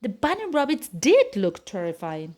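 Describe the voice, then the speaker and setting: In a mid-range voice, a woman narrates a children's picture book with a deliberate, expressive storyteller's delivery.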